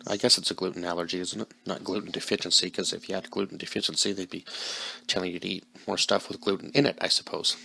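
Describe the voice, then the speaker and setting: Deep gravelly guy rambling through a food review vlog, kinda unsure. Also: flat delivery, fast, pushed and bright. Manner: rambling, unsure, talks while eating.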